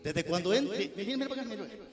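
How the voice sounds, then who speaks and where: A male pastor with a Guatemalan accent preaching a fiery, scolding sermon at a church service, rising at times to shouts. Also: sits high, animated, a little fast. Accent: Guatemalan Spanish. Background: music playing.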